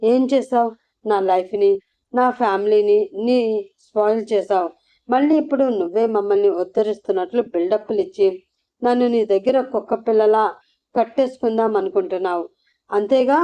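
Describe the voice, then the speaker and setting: A woman voicing a distressed young wife who shouts back defiantly in a storybook reading. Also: mid-range voice, moderate pace, dry recording, natural voice. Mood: upset, defiant. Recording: slightly muffled lo-fi recording.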